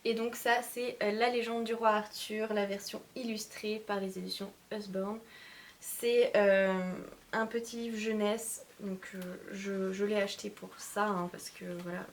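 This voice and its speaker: A woman's voice: mid-range voice, level tone, unhurried, slight background noise. A woman talking casually about her reading list as a book vlogger, hesitating often with filler sounds and poking fun at herself. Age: adult mother of young children. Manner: hesitant, frequent filler sounds, self-mocking.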